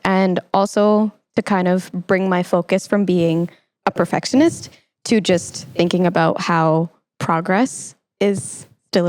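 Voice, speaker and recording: In a dry recording, a young woman in the podcast host's chair runs a conversational interview with effusive encouragement. Her voice sits at medium pitch with a darkish tone.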